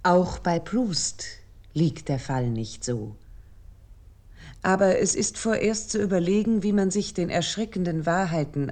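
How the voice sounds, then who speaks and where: A woman narrates as a reflective essayist in a radio play, using a low, dark and soft tone not far from her everyday voice. The scripted literary prose comes out formal and deliberate, every thought presented with measured seriousness.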